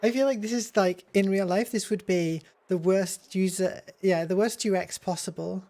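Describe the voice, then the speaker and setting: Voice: medium pitch, steady tone, moderate pace, warm tone. A game streamer giving casual live commentary, thinking aloud while playing.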